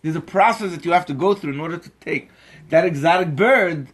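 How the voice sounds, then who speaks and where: A man's voice: on the high side, fairly quick, voice pushed up, natural voice. A man doing an insistent bird buyer in a told story. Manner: insistent, rising emphatic lecturing tone. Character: adult male buyer explaining a bird is not the seller's.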